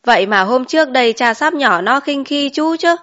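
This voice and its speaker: A woman's voice: high-pitched, lively intonation, normal speed, a bit bright, voice pushed up. A woman reading a chatty rural mother. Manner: chatty, exclaiming, indignant. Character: talkative rural mother of five, complaining. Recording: dull lo-fi recording.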